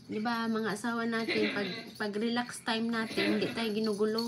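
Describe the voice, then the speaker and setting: A woman's voice: fairly high pitch, little pitch movement, moderate pace, noisy background. A woman hosting a casual live stream at home, chatting to viewers and laughing often between phrases. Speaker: livestream host reading viewer comments. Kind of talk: casual live chat over coffee.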